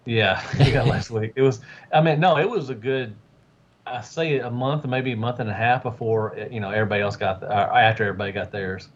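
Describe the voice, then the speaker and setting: A man in a relaxed, rambling casual chat about toy collecting, with lots of fillers. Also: medium pitch, a little fast. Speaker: podcast co-host. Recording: muffled lo-fi sound with faint background noise.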